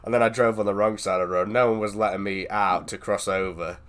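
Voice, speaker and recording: Blunt, sweary man with a bright voice. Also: fairly low pitch, fairly even intonation, fast. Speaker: streamer. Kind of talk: casual chat on a live stream.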